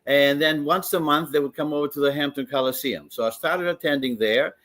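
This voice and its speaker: A man's voice: fairly high pitch, a little fast, a bit bright. An older man from Greece, a wrestling commissioner, talking eagerly as a guest on a sports talk show and telling stories with many restarts. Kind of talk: casual radio interview.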